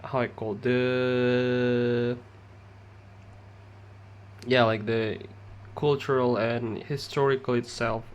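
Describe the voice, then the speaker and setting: A young Indonesian man gives a halting class presentation in English, his second language, pausing and restarting often. His Indonesian-accented voice is mid-range and level, and the recording is clean.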